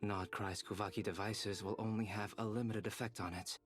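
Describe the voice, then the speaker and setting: Male actor as a polite, low-voiced game advisor; calm, formal. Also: brisk, faint music behind, close to an everyday voice. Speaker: game character. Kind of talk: video game voice acting.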